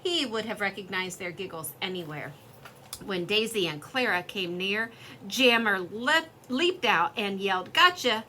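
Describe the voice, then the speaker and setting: A woman reading a children's story aloud in an expressive, lively storytelling way. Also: medium pitch, a little slow, a little hiss or hum.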